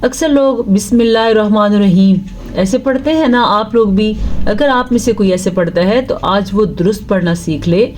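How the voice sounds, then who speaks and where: A woman teaching Quran pronunciation, patiently explaining rules between slow drawn-out recitations. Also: mid-range voice, a little hiss or hum. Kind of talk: tajweed lesson with recitation.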